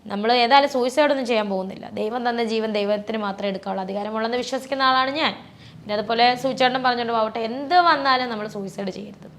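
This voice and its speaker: Emotional woman guest, fairly high voice. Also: racing, slight background noise. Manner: emotional, voice often drops soft and low; rambling, many restarts and fillers. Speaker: interview guest. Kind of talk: personal interview talk.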